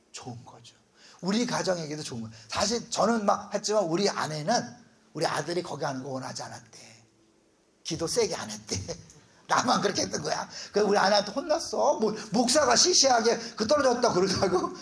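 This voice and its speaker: Middle-aged man, pastor, preaching at a youth retreat; high, gravelly, very animated voice. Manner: lively, animated preaching with acted-out prayers and rhetorical questions. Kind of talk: youth retreat sermon on prayer.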